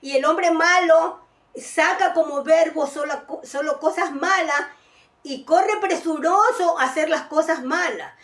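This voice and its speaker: A woman's voice: extremely high pitch, unhurried, a bit bright, reverberant, recorded from a distance. A woman preaching a sermon, often calling her listeners beloved, with many restarts as she explains. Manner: calls listeners "amados" often, restarts and fillers.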